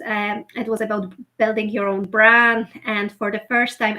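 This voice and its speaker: A woman's voice: on the high side, fairly bright tone. A woman in her thirties from Poland with a Polish accent, a non-native speaker talking openly as a guest in a casual interview, often restarting her sentences. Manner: chatty and open, non-native phrasing with many restarts. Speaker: guest entrepreneur.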